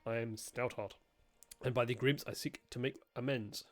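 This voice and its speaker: A man's voice: mid-range voice, steady tone, brisk, lightly acted. A man reading out the lines of a stern female knight commander in a strategy game, in a formal, solemn way.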